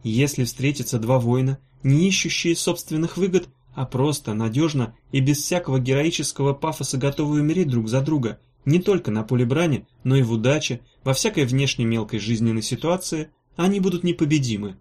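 A man reading an audiobook voices a fussy, practical female valkyrie healer with a brisk, blunt manner. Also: mid-range voice, expressive, darkish tone, lightly acted. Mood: matter-of-fact. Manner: brisk, blunt, a little embarrassed.

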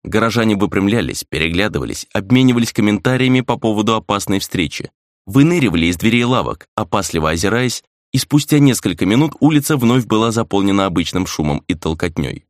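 Low-voiced male audiobook narrator. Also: animated, fast talker, dry recording, studio quality.

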